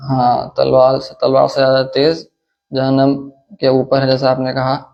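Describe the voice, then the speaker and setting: A man teaching a religious lesson in a measured, explanatory way, with hesitations and quick Arabic recitation. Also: mid-range voice, monotone, vocal fry, a little mellow, lo-fi sound. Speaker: teacher of Islamic creed and law.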